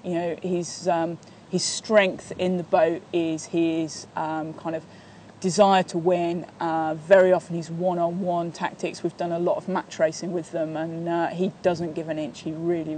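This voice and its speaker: Outside in a sunlit park, a woman in her thirties who coaches sailing and works as a training partner is being interviewed. She talks steadily in a fairly low, dark voice, full of fillers and restarts, over a faint hiss or hum.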